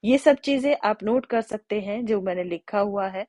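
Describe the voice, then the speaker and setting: A woman gives an English grammar lesson in a patient, step-by-step way. She checks in with her students often and slows right down whenever she reads an example sentence aloud. Her voice sits at a middle pitch and sounds dry and close, with no room echo. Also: warm tone.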